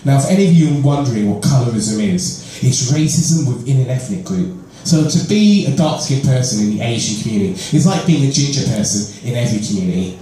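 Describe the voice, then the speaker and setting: A man's voice: mid-range voice, animated, a little fast, hardly any pauses, warm tone, slight background noise. A man with a London accent performing a conversational stand-up set, often laughing at his own jokes. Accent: London English. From London, England. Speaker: stand-up comedian. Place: comedy club stage. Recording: far from mic, roomy echo, faint club ambience.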